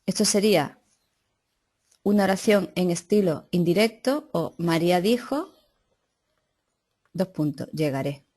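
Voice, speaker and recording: Low-voiced woman teaching a class. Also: animated, a little slow, pauses often, dark tone. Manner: explains step by step, with restarts and "o sea" asides. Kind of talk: classroom grammar lesson. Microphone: recorded class.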